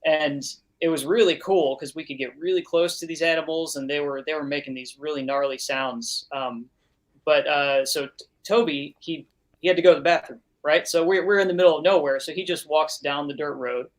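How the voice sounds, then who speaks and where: A man guesting on a livestream talks casually about his work as a recordist. His voice sits a little high, and he restarts sentences often and fills gaps with "uh" and "you know.". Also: fairly even intonation, normal speed. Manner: rambling, many restarts and fillers. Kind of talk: casual anecdote.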